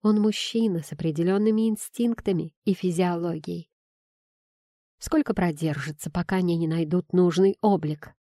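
A woman reading a first-person fantasy audiobook in an expressive storytelling manner. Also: lowish voice, moderate pace, no room sound, studio quality. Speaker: audiobook narrator.

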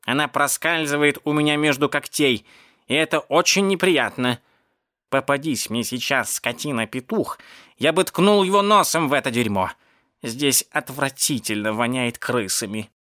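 A man's voice: medium pitch, moderate pace, bright, forceful tone, no echo, studio quality, natural voice. A man voicing a grumpy, rude male cat stuck in a sewer, grumbling and snapping at the people above. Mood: irritable.

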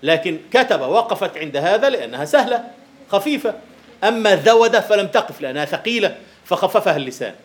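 A man lecturing a university class on poetic meter, questioning students and at times dropping to a quiet murmur. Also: sits high, sing-song, quick pace.

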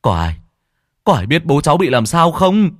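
Man doing grown son sobbing for his dad, strained high voice, dry recording. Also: big pitch swings, normal speed, dry recording. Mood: anguished. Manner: crying out, sobbing.

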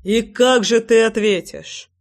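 Brief: a woman doing a hoarse, growling brute of a man, slow and threatening, storybook reading. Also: on the high side.

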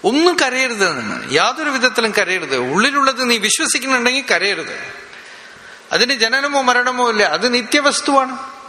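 A man, a spiritual teacher, giving a scripture discourse, explaining with rhetorical questions and slowly chanting verses. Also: very high voice, very animated, pushed and bright. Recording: echoey hall, faint ambient noise.

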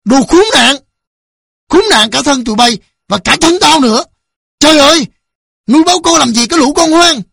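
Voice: high voice, normal speed, gravelly, long pauses, fairly bright tone, dry recording, clean studio sound, voice pushed up. Narrator doing a bellowing drunk father. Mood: furious. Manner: bellowing, threatening. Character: drunken abusive middle-aged father, raging.

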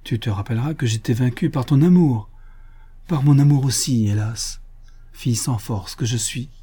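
Storybook role: male reader playing a fearful young fiancée, trembling, hushed pleas, dark tone. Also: mid-range voice, normal speed, husky, close to an everyday voice. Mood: pleading anguish. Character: anguished young woman bride, fearful and torn.

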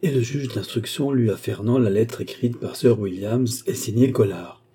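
A man narrating a classic novel as an audiobook in a steady, dramatic storytelling manner. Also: mid-range voice, normal speed, slightly rough. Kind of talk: scripted narration.

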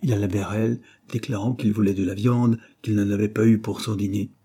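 A man giving a steady, measured reading of a classic novel as an audiobook narrator. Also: on the low side. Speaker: audiobook reader.

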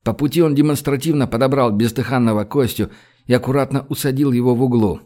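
A man's voice: medium pitch, fast talker, darkish tone. Man reading an audiobook aloud. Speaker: audiobook narrator. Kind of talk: audiobook reading with voiced characters.

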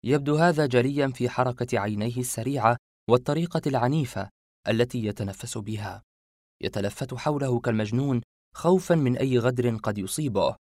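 A male audiobook narrator tells a suspense story in a steady, measured voice at a middle pitch. He draws the listener along evenly from line to line. The sound is close and dry, with no room echo.

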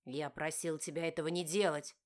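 A woman voicing an angry, domineering young husband who growls and shouts in a lowered, slower voice. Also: steady tone, natural voice. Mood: furious.

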